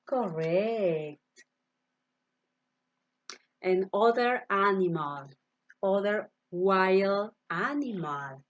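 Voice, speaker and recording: A woman teaching English to primary school children, saying each animal word slowly and asking the kids to repeat it. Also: mid-range voice, highs cut off. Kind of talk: online class, slow vocabulary drill. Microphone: computer mic, virtual class.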